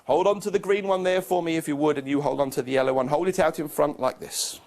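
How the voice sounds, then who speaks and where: A man's voice: fairly high pitch, fast talker, darkish tone. A man performing as a playful children's party magician, giving simple instructions and mock-confused patter in a live show. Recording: noisy live room with clicks.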